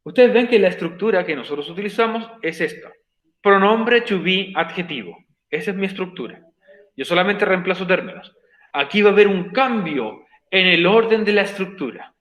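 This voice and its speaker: A man's voice: high voice, animated, moderate pace, fairly bright tone. A male teacher explaining grammar patiently in an online class, repeating each step. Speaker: English teacher. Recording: echoey room.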